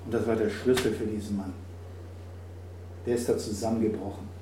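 A man preaching a sermon, swinging from quiet to loud and acting out dialogues. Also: on the low side, steady tone, fairly quick. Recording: roomy, from a distance, faint noise.

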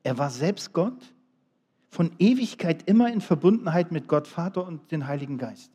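Dark-voiced emphatic German preacher man. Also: fairly high pitch, expressive, normal speed, slightly rough. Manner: emphatic, shifts between loud appeals and quiet asides. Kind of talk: sermon.

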